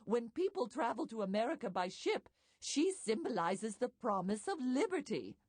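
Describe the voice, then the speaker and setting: A woman voicing an instructive guide character in an educational game, explaining things in a measured, scripted way. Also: on the high side, sing-song, darkish tone, husky, no echo.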